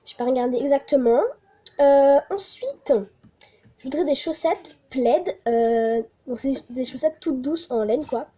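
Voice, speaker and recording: A young woman talks casually to her viewers about a holiday wishlist. Her voice sits a little high but sounds soft and mellow. She hesitates often as she goes. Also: a little slow. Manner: chatty, many hesitations. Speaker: vlogger.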